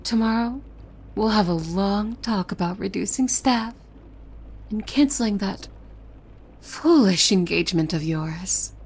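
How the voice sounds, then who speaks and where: A woman with a natural, mid-range voice speaks unhurriedly, with slight background noise. In an ASMR roleplay she plays a possessive, doting demon maid, formal and servile on the surface but menacing underneath, often dropping to a whisper. The mood is tender yet controlling.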